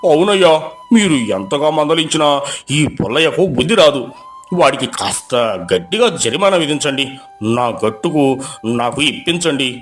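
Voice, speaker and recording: A man voicing an angry farmer accusing his neighbour in a storybook tale, in a loud, raised voice. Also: fairly high pitch, lively intonation, normal speed, soft background music, lightly acted. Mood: indignant. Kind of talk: storybook voice acting.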